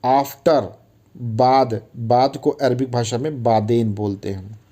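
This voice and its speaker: A man's voice: mid-range voice, fairly even intonation, takes it slowly, mellow. A man teaching Arabic words in a casual, chatty way, often calling listeners brother and repeating each word for drilling. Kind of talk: casual spoken language lesson.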